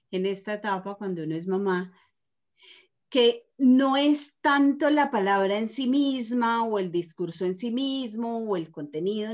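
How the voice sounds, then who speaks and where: A woman speaks reflectively in a casual discussion, often restarting her sentences as she works through a thought. The recording is dull and lo-fi. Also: mid-range voice. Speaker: mother. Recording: dull lo-fi sound.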